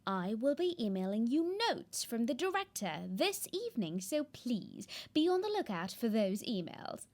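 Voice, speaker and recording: A woman's voice: a little high, very animated, normal speed, darkish tone. A woman playing a curt, bossy stage manager. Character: brusque female stage manager, fed up. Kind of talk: comedic audio drama.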